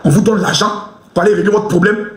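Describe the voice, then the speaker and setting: A man ranting in a live commentary, shouting insults with mocking laughter. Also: high-pitched, heavy background noise. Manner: animated, swings between chanting and fast talk. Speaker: online commentator. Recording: echoey room.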